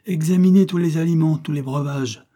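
A man's voice: normal speed, mellow, slightly rough. A man playing a frantic young widow. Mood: distraught. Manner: shrill, pleading theatrical outbursts. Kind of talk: audiobook character voice.

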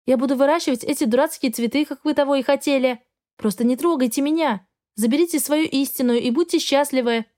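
A woman's voice: high-pitched, quick pace, darkish tone, pitched above the performer's own voice, close to an everyday voice. A woman voicing a defiant young bride forced into marriage, stubborn and protesting.

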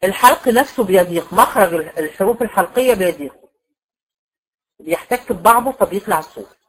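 An Egyptian woman gives a tajweed lesson to her students. She explains each point step by step, keeps checking with short questions, and stretches out example words very slowly so they can follow. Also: mid-range voice, animated, husky, rough recording. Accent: Egyptian Arabic. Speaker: Quran recitation teacher. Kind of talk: online tajweed lecture.

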